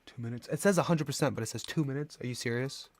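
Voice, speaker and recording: A young man chatting casually to his stream chat, jumping between excited outbursts and quiet mumbling. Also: mid-range voice, fast talker.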